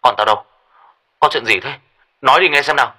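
A man voicing an excitable young male friend in a spoken story, loud and prone to stammering. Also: mid-range voice, fast, husky, pitched above the performer's own voice. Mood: alarmed. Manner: loud, jumpy, stammers when shaken.

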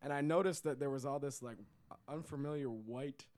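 A man telling a rambling story as a guest on a casual comedy podcast, with halting restarts and laughs. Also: mid-range voice, a little mellow. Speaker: guest, comedy writer and performer.

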